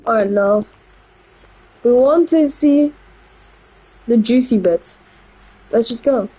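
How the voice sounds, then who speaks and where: A woman talks through a train-driving game in a loose, rambling commentary, tossing off blunt verdicts as she goes. Her voice sits a little high but sounds mellow and soft-edged. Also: husky, low-quality recording. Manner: rambling, blunt and opinionated, quick asides. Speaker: gameplay channel host. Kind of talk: casual gameplay commentary.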